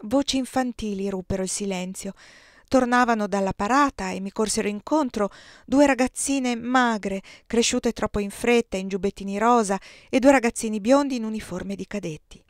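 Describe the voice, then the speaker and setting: A woman audiobook reader narrating a novel in the first person, expressive, dropping to a soft hush at quiet moments. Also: mid-range voice, moderate pace, dry recording, clean studio sound.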